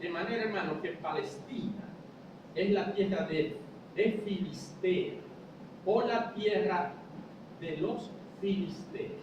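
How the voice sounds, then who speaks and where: A man's voice: sits high, takes it slowly, very echoey, distant mic, lo-fi sound, background noise. A male pastor preaching a sermon, explaining step by step with rhetorical questions and calling listeners brother. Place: church.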